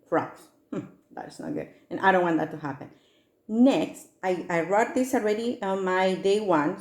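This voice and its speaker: Woman, children's science teacher, upbeat sing-song kids' presenter, mid-pitched voice, step-by-step demonstration, echoey room. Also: darkish tone.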